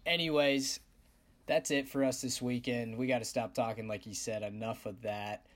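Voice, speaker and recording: A man hosting a casual sports podcast, his voice raspy and hoarse, trading brash, joking trash talk. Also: mid-range voice, steady tone, moderate pace, a bit bright. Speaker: podcast host.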